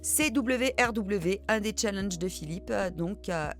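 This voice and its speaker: A middle-aged woman with a medium-pitched voice speaks a little slowly, faint music behind her. On her reading channel she chats through viewer questions, laughing at herself and using plenty of hesitant fillers.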